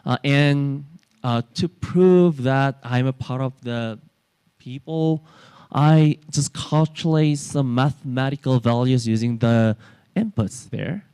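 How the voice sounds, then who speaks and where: A man from South Korea with a Korean accent giving a technical workshop talk, halting with many fillers and restarts. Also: mid-range voice, warm tone, smooth, no room sound. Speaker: workshop presenter. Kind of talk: technical lecture. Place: conference workshop room.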